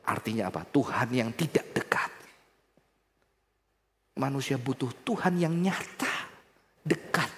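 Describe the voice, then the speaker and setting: A man preaching a sermon, swinging between soft low passages and loud, high emphatic bursts, and addressing the congregation directly. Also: lively intonation, a little slow, pauses often, long reverb tail. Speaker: pastor.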